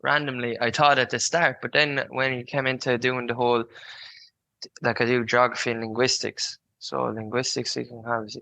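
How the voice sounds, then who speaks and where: A man's voice: mid-range voice, level tone, moderate pace, gravelly, sharp tone, rough recording. A man in his early twenties chatting casually and colloquially, peppering his talk with filler words like "like". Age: early 20s. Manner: colloquial, frequent "like" and "you know". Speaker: podcast guest, student on work placement. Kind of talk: casual chat.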